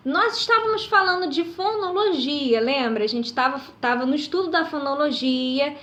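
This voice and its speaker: A woman's voice: sits high, moderate pace, a bit bright. A woman teaching a recorded lesson. She explains step by step and keeps checking in with her students. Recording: echoey room.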